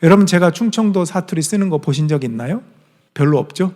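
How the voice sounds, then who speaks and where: A man's voice: on the high side, animated, brisk, a little mellow. A middle-aged man from Chungcheong, South Korea, preaching a sermon as pastor in an earnest, conversational way, putting direct questions to his congregation. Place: large church sanctuary. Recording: reverberant church hall.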